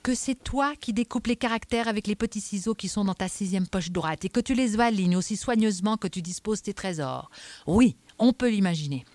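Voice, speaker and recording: A woman reading aloud, voicing an irritable male police inspector who speaks in a forceful, emphatic, scolding way. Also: mid-range voice, fairly quick, no echo, voice pushed up, lightly acted. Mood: pressing.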